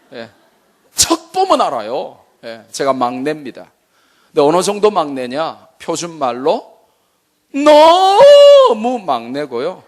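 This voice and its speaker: Funny korean pastor guy preaching, voice jumping all over, kinda high. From Busan, South Korea. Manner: animated, joking, full of vivid asides. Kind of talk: humorous evangelism sermon. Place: church seminar hall.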